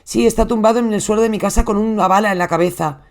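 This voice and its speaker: A narrator with a Spain Spanish accent voicing a panicked husband on an emergency call, pleading and repeating himself. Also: male voice, high-pitched, normal speed, darkish tone, voice pushed up, close to an everyday voice. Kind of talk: reading a translated emergency call.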